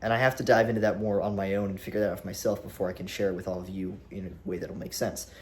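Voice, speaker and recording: A young man in his early twenties talks straight to a tripod camera in a low voice, animated and rambling, with restarts and swearing. A faint hiss sits under the recording. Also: quick pace. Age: young adult. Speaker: vlogger. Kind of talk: casual talk to camera.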